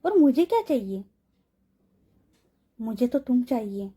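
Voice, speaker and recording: A woman voicing an obsessive, possessive young woman who mocks and menaces in a soft, mellow voice. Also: on the high side, big pitch swings, slow, husky, full character voice. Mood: taunting. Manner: mocking, coaxing, menacing.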